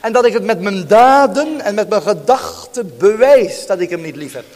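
A man's voice: high-pitched, animated, moderate pace, darkish tone, long reverb tail. A male pastor preaching a fervent, declamatory sermon in a church, firing rhetorical questions at the congregation.

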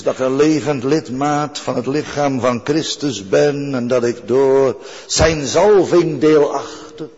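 A man's voice: medium pitch, a little mellow. An older man preaching a sermon in an earnest way, repeating key phrases for weight. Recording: dull recording with long church reverb.

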